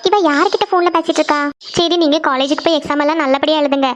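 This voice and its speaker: A woman, voicing all the characters of a family cartoon drama in a high, quick voice and switching between them. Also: steady tone, slight background noise.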